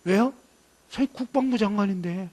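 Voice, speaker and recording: A man's voice: high voice, normal speed, darkish tone. A man preaching a sermon at a student camp. He fires rhetorical questions at his listeners and acts out scenes vividly.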